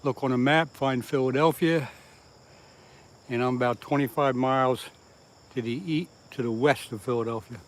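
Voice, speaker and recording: Outdoors by the water, a man from southeast Pennsylvania hosts a casual fishing livestream, reading viewers' comments aloud and laughing at his own jokes. His mid-range voice has fairly even intonation at normal speed, with slight background noise.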